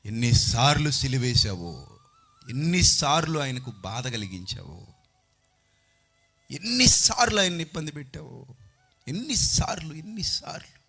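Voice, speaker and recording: A man preaching a sermon into a handheld mic on stage, impassioned, swinging from loud outbursts to hushed pleading. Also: on the high side, sing-song, unhurried, pauses often, faint music behind.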